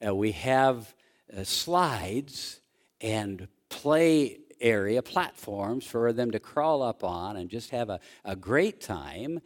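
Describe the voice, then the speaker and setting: A middle-aged man preaching a sermon as pastor, telling homely stories slowly with frequent fillers. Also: fairly low pitch, expressive. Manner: slow, folksy storytelling with frequent fillers.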